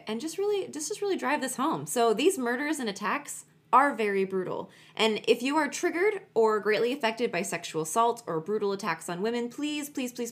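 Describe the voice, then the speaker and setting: A woman's voice: a little high, fairly bright tone. A woman co-hosting a podcast, telling true crime stories in a chatty, emphatic way and repeating words for stress. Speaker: podcast co-host.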